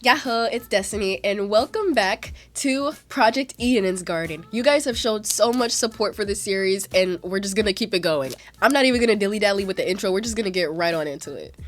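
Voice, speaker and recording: A woman's voice: mid-range voice, animated, fairly quick, few pauses, soft background music. Bubbly woman hosting a game video. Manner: bubbly, chatty. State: stuffy from a cold. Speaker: let's play host. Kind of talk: casual gameplay commentary.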